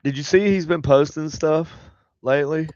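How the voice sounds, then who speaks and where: A man with a head cold and a nasal voice, on the high side and a little mellow, co-hosts a paranormal talk show podcast at normal speed. He chats casually and rambles with many fillers. He's on a video call with a home desk setup, and the sound is lo-fi with no room sound.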